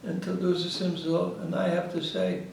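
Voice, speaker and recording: A man's voice: high voice, little pitch movement, normal speed, vocal fry, heavy background noise. A man in his eighties from Ukraine, with a Ukrainian accent, telling his life story in an interview in broken English and acting out the dialogue. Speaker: interviewee, Holocaust survivor. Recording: echoey room, voice from far off.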